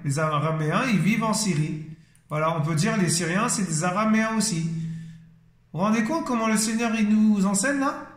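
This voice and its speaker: A man's voice: high voice, animated, fairly quick. A man teaching an informal Bible word study, enthusiastic and full of exclamations of praise, often hesitating with fillers. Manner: hesitant, many fillers and restarts. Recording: echoey room.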